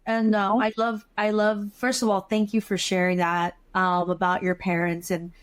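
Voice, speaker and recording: Host: thoughtful woman from California, mid-pitched, affirming, pauses on "um.". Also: completely flat delivery, clear, resonant tone. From California, USA. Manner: warm-hearted, affirming, thoughtful with frequent "um". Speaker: podcast host. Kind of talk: casual conversational interview.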